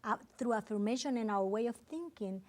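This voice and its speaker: Salvadoran woman in her fifties, spanish is her first language, earnest halting way of talking in an interview, voice a bit high. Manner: earnest, halting, frequent restarts. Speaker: interview guest, spiritual teacher.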